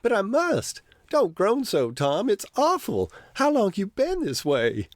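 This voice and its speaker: A man's voice: high voice, wildly swooping pitch, unhurried, no echo, studio quality, voice pushed up, exaggerated voice. A man voicing a worried boy pleading with his sick brother. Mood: anxious. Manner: anxious, pleading.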